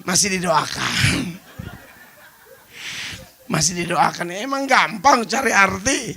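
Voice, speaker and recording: Pastor, male, high bright voice, animated joking sermon with shouted punchlines. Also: slow pace, creaky, husky. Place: church stage.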